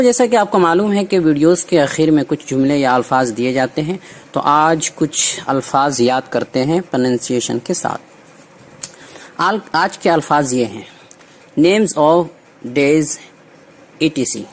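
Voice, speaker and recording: A man teaching a recorded language lesson, slowly and deliberately repeating each word so it can be copied. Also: on the high side.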